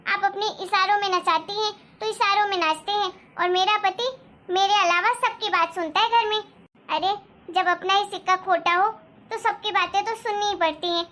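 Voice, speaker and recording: A woman's voice: very high voice, bright, forceful tone. A woman voicing a resentful young daughter-in-law who complains sarcastically in a cartoon story. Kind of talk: Hindi cartoon story dialogue.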